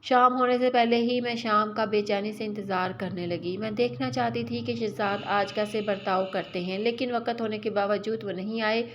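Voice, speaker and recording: Woman, confessional storytelling, wistful tone, medium pitch, dull lo-fi recording. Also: fairly even intonation, hardly any pauses, a little hiss or hum. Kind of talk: first-person romantic story narration.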